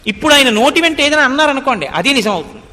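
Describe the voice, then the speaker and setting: A man's voice: very high voice, big pitch swings, rapid-fire, sharp tone, in a large hall. A man giving a devotional scripture discourse, expounding with rhetorical questions and reciting Sanskrit verses. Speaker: spiritual discourse speaker.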